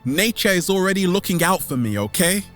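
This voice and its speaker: Speaking in a high, very animated and somewhat bright voice, a vlog host addresses his online followers while soft music plays. His motivational monologue is playful and theatrical, with repeated catchphrases and words pulled long for effect.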